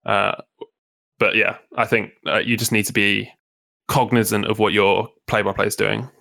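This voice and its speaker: A man's voice: on the low side, level tone, normal speed, creaky, pushed and bright. A man, a guest esports caster, talking casually at length in a podcast interview, often restarting his sentences. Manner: chatty, explains at length with many restarts.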